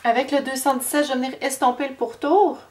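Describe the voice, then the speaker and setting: A woman's voice: sits high, steady tone, fast, a little mellow. Woman with a head cold, Québécois accent. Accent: Québécois French. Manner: chatty, hesitant, many fillers and slips. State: has a cold. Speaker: beauty vlogger. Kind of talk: makeup tutorial. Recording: distant mic with faint noise.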